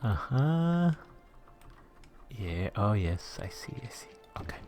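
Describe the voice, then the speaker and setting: A man's voice: fairly low pitch, very animated, takes it slowly, music in the background. A man hosting a city-building game playthrough, thinking aloud, muttering asides to himself and now and then dropping to a whisper, chatty and self-deprecating toward his viewers. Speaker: gaming channel host. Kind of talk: let's-play commentary while building a city.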